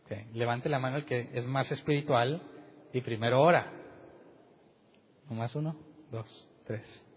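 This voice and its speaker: A man's voice: medium pitch, a little slow, long pauses, husky, long reverb tail, highs cut off. A man preaching a conversational sermon as pastor, putting rhetorical questions to his congregation in a church meeting room.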